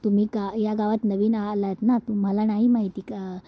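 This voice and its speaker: A respectful, pleading village constable who keeps saying sir, as a woman reads him out in a recap. Mellow and even in tone. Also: mid-range voice, normal speed, lightly acted. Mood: deferential.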